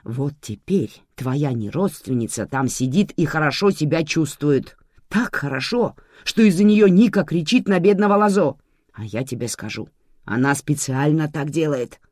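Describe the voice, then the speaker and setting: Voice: medium pitch, lively intonation, moderate pace, a little mellow, no room sound, clean studio sound, close to an everyday voice. A reader voicing a melodramatic older man who pleads and complains in an audiobook. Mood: sly. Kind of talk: audiobook character voice.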